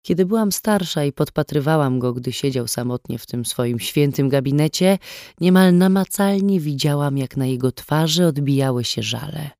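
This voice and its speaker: A woman reading a first-person audiobook in a calm, even storytelling voice, quieter in grim passages. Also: deep voice, normal speed, no echo, clean studio sound. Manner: calm, even storytelling, hushed on dark moments. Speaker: audiobook narrator.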